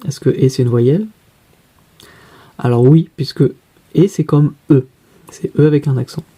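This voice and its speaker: Man, teacher, very mellow dark voice, husky, patient step-by-step questions. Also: mid-range voice, steady tone, unhurried. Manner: patient, asks and answers his own questions step by step. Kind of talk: classroom spelling lesson.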